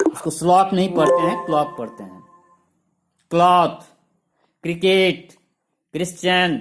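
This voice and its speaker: A man teaching a lesson, listing example words one by one and spelling some of them out letter by letter. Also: sits high. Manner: lists examples in a steady rhythm. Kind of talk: classroom-style lesson explanation.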